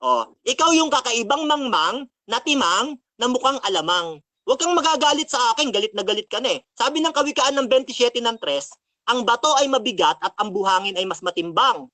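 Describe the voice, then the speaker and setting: High-voiced man taunting a debate rival. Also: lively intonation, a little fast, pushed and bright, no echo. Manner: taunting, mocking, quotes scripture constantly. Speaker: religious debater. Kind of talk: closing debate rebuttal.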